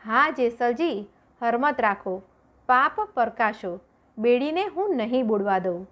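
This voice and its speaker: A woman voicing a calm, devout holy woman who urges with gentle firmness in a storybook reading. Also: a little high, unhurried. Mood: firm coaxing. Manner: gentle, firm urging.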